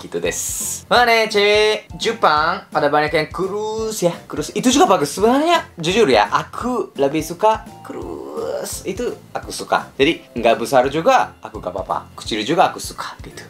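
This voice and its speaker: A man's voice: on the high side, sing-song, normal speed, hardly any pauses, fairly bright tone, faint music behind. A young man from Kansai in Japan with a Japanese accent, chatting playfully to camera and slipping in Japanese particles. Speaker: vlogger. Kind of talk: casual chat to camera.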